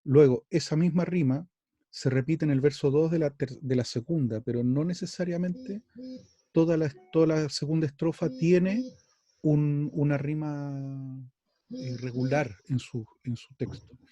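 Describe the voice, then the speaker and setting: A man from Chile gives an online lesson on verse and meter at an unhurried pace. His tone is mellow, and he often stops to repeat a word before going on. The sound is dry and close, with no room around it. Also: a little high, no echo. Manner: slow and halting, repeats words, spoken examples. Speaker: music teacher. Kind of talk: online class lecture.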